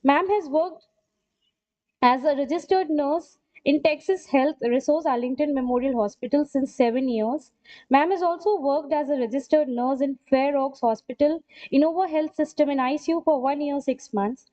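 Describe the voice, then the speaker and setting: A woman's voice: high voice, moderate pace, dark tone, muffled recording. A woman anchoring a conference session, formally reading out a speaker's biography. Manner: formal, reads a biography aloud. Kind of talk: formal scripted introduction. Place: college conference hall.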